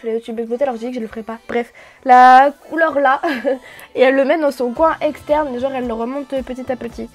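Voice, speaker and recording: A woman's voice: high voice, steady tone, quick pace, faint music behind. A young woman, chatting casually and mocking herself while she does her makeup. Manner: chatty, self-mocking, lots of fillers. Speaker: beauty vlogger.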